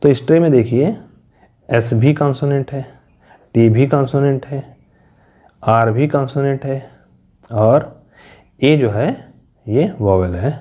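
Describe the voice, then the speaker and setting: A man's voice: mid-range voice, slow pace, pauses often, dark tone. A man teaching an English lesson, explaining step by step and answering his own questions. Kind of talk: classroom lesson explaining syllable patterns.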